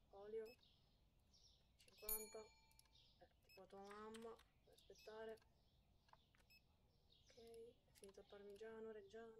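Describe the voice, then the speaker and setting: A woman's voice: mid-range voice, noisy background. A young adult woman giving chatty, dramatic commentary on a supermarket game while talking to her chat. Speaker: streamer playing a supermarket game. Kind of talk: casual gameplay commentary.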